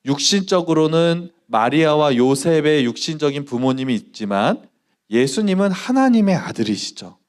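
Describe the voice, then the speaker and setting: Lively Korean pastor preaching to youth. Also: male voice, mid-range voice. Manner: lively storytelling, quizzing the audience. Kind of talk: youth sermon. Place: church sanctuary.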